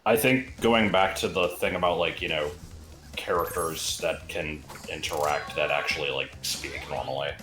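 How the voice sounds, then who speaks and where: A man's voice: a bass voice, steady tone, normal speed. A young man trading wry jokes as a co-host on a game stream. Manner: wry, joking banter. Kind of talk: casual gaming stream chat. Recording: echoey room with music.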